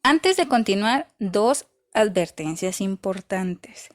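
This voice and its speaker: A woman talks through a book review in a casual, unscripted way. Her voice sits at an ordinary mid pitch, and she is blunt and opinionated, pressing her points by repeating them. Dry, sarcastic asides run through her talk. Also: animated, slow.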